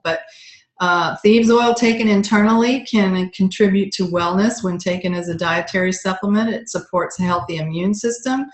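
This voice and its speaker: A woman presenting essential oil products in a casual, chatty walkthrough, with many ums and uhs. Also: lowish voice. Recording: roomy echo.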